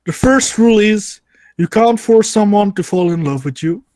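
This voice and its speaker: A man voicing a grandiose genie, proclaiming theatrically with drawn-out words in a tabletop game. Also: high voice, lively intonation, darkish tone, dry recording. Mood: bossy. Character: grandiose male genie freed from a lamp.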